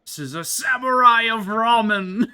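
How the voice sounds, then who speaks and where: A man's voice: very high-pitched, measured pace, sharp tone, clear, resonant tone, voice pushed up, exaggerated voice. A man voicing a young food critic from a video game, tasting food with rapturous, overblown grandeur. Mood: rapturous, grandiose. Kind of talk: dramatic voice-over reading of game dialogue.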